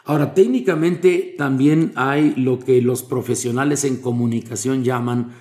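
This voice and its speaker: Man, preacher, teaching tone, warm mellow voice, steady mid pitch. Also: measured pace. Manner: teaching, explains with Bible quotes and examples. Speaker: guest preacher. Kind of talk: conversational interview about preaching.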